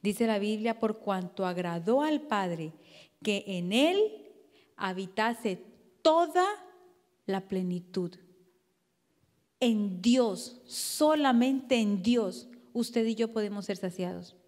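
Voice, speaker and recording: A woman from Colombia with a Colombian Spanish accent, preaching a sermon in a lively conversational way, asking the congregation questions. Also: mid-range voice, takes it slowly, big-room sound. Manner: animated, conversational preaching with rhetorical questions and acted quotes. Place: church hall.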